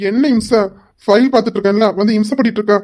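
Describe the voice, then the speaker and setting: A woman's voice: medium pitch, steady tone, racing, mellow, close to an everyday voice. A woman voicing a busy young police husband who brushes off his wife with teasing banter, in a fan audio drama. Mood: dismissive. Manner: dismissive, bantering.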